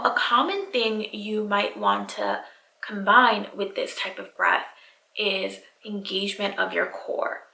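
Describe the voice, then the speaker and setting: A woman's voice: medium pitch, gravelly, bright, forceful tone, reverberant, low-quality recording. A woman yoga instructor giving step-by-step guided breathing cues straight to the viewer. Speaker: yoga instructor, channel host.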